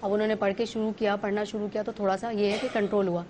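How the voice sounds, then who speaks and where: A woman's voice: medium pitch, little pitch movement, quick pace, warm tone. Woman from pakistan on a talk show, tells her story vivid, acts out the lines, bit of hiss. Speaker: guest.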